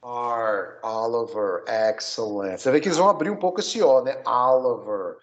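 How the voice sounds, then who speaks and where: Brazilian guy teaching english online, bouncy voice, spells stuff out slow, kinda muffled lo-fi audio. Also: medium pitch. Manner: lively, coaching, spells words out slowly. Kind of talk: online one-on-one English lesson in Portuguese.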